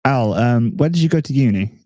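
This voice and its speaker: A man hosting a casual podcast chat, relaxed and self-mocking, thinking aloud with restarts. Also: mid-range voice, a little fast, dry recording. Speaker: podcast host.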